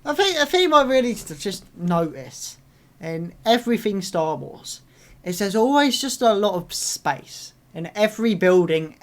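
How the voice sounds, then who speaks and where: Brief: young male reaction host, chatty and excitable, loud outbursts, swears. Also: high voice. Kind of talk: live reaction commentary.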